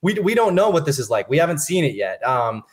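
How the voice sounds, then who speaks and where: A man's voice: a little high, big pitch swings, fast. A man co-hosting a casual sports podcast, hesitant and full of fillers. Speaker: podcast co-host.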